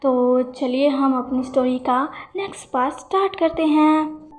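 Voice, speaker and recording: A woman channel host narrating her own fan fiction story aloud, in a slow, gentle storytelling manner. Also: high voice, faint music behind.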